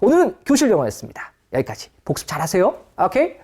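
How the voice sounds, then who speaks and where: A woman teaching English vocabulary in an online lesson, reading English phrases slowly and explaining them in quicker Korean. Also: medium pitch, huge pitch swings, mellow, breathy edge. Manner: wide-ranging sing-song teaching intonation.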